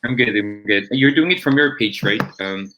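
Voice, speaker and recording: A Filipino business coach in his 30s, appearing as a guest on a livestream interview, reflectively and conversationally shares his own story. His mid-range voice is expressive, bright, and forceful at a moderate pace, though the recording is rough with slight background noise.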